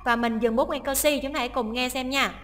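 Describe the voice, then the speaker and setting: A woman teacher with a high, ringing voice walks through a listening test. She reads each English sentence and then breaks it down step by step, and a long reverb hangs after her words. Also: steady tone, fast, a bit bright. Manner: explains each option, translating English lines aloud.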